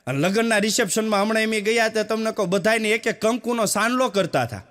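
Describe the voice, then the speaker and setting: A man's voice: high-pitched, fast, a bit bright. A man from doing folksy stand-up storytelling, with a chatty manner that speaks straight to the audience. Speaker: stand-up comedian.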